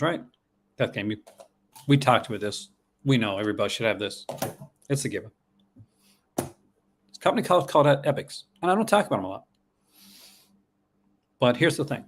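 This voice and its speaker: Male host, Newfoundland accent, mid-pitched voice, loose casual livestream delivery, excitable and rambling. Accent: Newfoundland Canadian. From Newfoundland, Canada. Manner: rambling, excitable, chuckles often. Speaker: horror movie collecting channel host.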